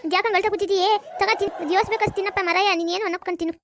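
A performer voicing an older village mother, fast and nagging in a cartoon. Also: very high voice, steady tone, a little hiss or hum. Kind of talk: cartoon voice acting.

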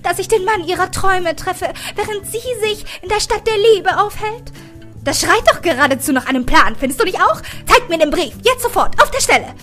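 A woman reading an audiobook and voicing a pushy, excitable young woman who talks loudly and breathlessly, over faint music. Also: a little fast, heavily acted. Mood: excited teasing. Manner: shrill, loud and breathless with excitement.

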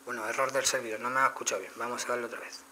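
Bright-voiced man from Spain demoing. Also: medium pitch, little pitch movement, very fast. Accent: Spain Spanish. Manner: explanatory, addresses viewers directly. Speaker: phone reviewer. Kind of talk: casual product demo.

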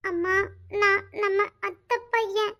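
In cartoon voice acting, a woman voices a bitter, secretive young village daughter using a very high, bright, exaggerated tone with a Kanyakumari Tamil accent. She speaks slowly and evasively with fairly even intonation, her pleading words carrying cold resentment, while faint music plays behind.

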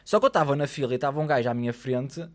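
Portuguese man in his thirties, podcast co-host, quick animated storyteller who swears freely. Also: mid-range voice. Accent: European Portuguese. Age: 30s. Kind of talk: casual chat. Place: studio with blue lighting, indoors. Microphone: studio mic on arm.

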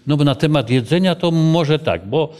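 A man with a fairly high, animated voice and a darkish tone talks at a normal speed. He's leading a group Bible study in a conversational way, putting questions to the others and sharing a story from his own life.

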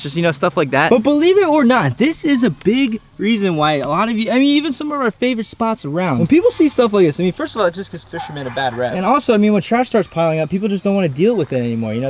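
A man in his twenties chatting excitedly to viewers on an outdoor fishing vlog, slangy and upbeat, recorded on an action camera by a pond. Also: high voice. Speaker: fishing vlogger. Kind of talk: casual outdoor vlog commentary. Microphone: action camera, head-mounted and handheld.

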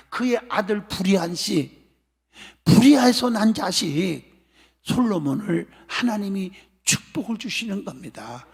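Gravelly high-voiced man preaching in a hall. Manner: emphatic preaching, often calling for amen; bursts into shouting at climaxes. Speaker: pastor. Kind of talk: sermon. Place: church sanctuary during a live service. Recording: long reverb of a church hall.

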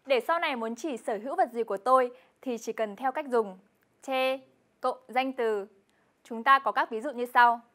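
A young woman co-hosting a scripted television language lesson, explaining patiently and repeating each example word clearly. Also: fairly high pitch, moderate pace, fairly bright tone. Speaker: Korean language teacher co-host.

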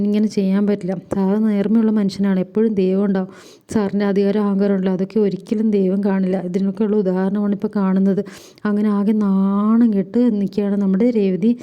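A woman's voice: mid-range voice, warm tone. A woman retelling a TV serial episode, reading the characters' lines within her story. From India. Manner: rapid storytelling, voicing characters' lines in quotes. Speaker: serial recap vlogger.

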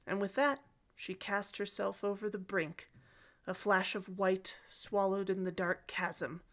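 A woman's voice: mid-range voice, pushed and bright. A woman hosting a book summary series, retelling a story in a chatty, casual way with joking asides.

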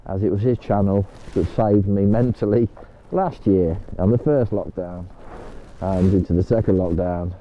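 A man's voice: low voice, moderate pace, highs cut off. Chatty older man outdoors. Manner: chatty, rambling, talks to his dog. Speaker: vlogger. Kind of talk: casual vlog chat. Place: kayak on a canal outdoors.

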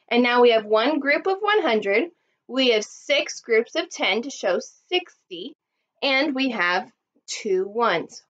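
A woman in her thirties leads a lesson for young children in the manner of a kids show host. Her voice is fairly high and her delivery very slow, with prompts to join in. The sound is slightly dull, as from a webcam in a small room. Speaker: elementary school teacher.

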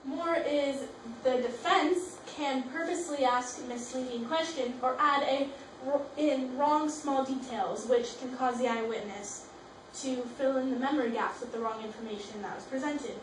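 High-voiced young woman presenting from notes. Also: normal speed, background noise. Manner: reads from notes with frequent restarts. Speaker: student presenter. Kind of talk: class presentation. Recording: echoey room from far off.

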